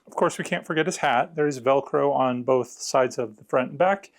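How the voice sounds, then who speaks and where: A man's voice: medium pitch, normal speed. A man narrating a hands-on unboxing and review in a casual, conversational, explanatory way. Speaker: product reviewer.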